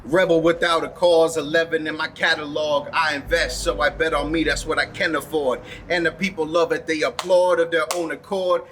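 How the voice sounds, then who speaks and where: Male rapper, confident rhythmic flow, slightly high voice. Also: flat delivery, moderate pace, few pauses, fairly bright tone, faint music behind. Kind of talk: rap performance.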